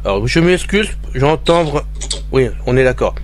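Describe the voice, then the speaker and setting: A man with a medium-pitched voice walks listeners through a tutorial in an informal way. He describes each action as he does it, over a faint background hiss. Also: animated, moderate pace. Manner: addresses listeners directly, narrating his own actions. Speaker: tutorial presenter. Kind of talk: informal step-by-step screen reader tutorial.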